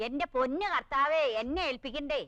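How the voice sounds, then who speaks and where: A sharp-tongued, complaining housemaid in a film drama. Her voice is high and bright, in a dry, close sound. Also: a little fast, no room sound, lo-fi sound. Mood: exasperated. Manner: exasperated, complaining. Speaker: maid or nanny.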